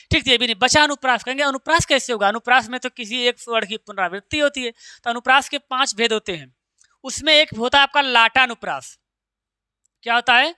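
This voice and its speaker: Crisp bright male teacher. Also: very high voice, no room sound. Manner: recites verse lines slowly, quizzes with rhetorical questions. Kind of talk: exam-prep lecture.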